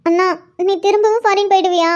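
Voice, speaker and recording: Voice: very high-pitched, steady tone, quick pace, darkish tone, highs cut off. A performer voicing a tearful young woman, a clingy bride-to-be who pleads with her brother, in a cartoon. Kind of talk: cartoon voice acting.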